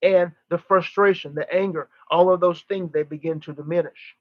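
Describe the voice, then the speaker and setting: A man with a high voice delivers channeled teaching in the manner of a seance medium. He speaks in oratorical, formal phrases, repeating himself and pausing deliberately for emphasis. The recording is dull and dry, with little room sound. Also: steady tone, no echo. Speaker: channeler giving a live session.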